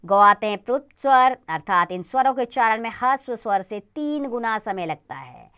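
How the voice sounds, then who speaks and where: A woman teaching a grammar lesson to children, spelling out sounds slowly and deliberately. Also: fairly high pitch, animated, fairly bright tone, smooth.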